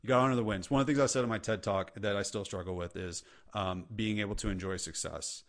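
A man's voice: lowish voice, fairly even intonation, fast. A middle-aged man, a leadership coach, talking earnestly and casually as a podcast guest. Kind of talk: podcast interview conversation.

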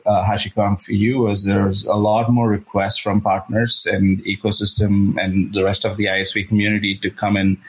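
A man speaking as a company executive, answering interview questions in a measured way with fillers. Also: on the low side, flat delivery, breathy edge, rough recording.

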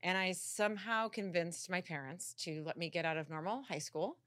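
A woman with a SoCal accent speaks in a slightly low register, recorded close and dry. She tells personal stories casually as a podcast guest, quoting her own reactions and peppering them with "like.". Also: moderate pace, a bit bright, dry recording. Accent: Southern Californian. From San Diego, Southern California. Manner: informal, peppered with "like" and quoted self-talk. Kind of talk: casual chat, telling personal anecdotes.

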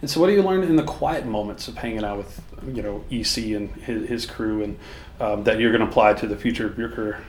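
A man's voice: on the low side, fast talker, a little hiss or hum. A man hosting a casual backstage interview, asking loose, rambling questions and laughing often. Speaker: podcast host. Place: backstage at a theater. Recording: roomy backstage echo, faint ambience.

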